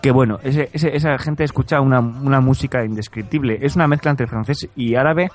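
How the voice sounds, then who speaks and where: A man's voice: mid-range voice, a little fast. Joking rambling Spanish-raised man. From Spain. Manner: rambling, joking, laughs often. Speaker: podcast segment host. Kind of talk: comedic casual chat.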